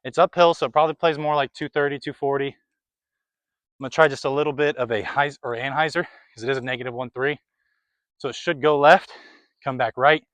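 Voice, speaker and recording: A man's voice: medium pitch, steady tone, fairly quick, fairly bright tone, no echo. Young man, casual course commentary while short of breath, dry sound. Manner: chatty, running commentary between throws. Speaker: disc golf vlogger. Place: outdoors on a disc golf course.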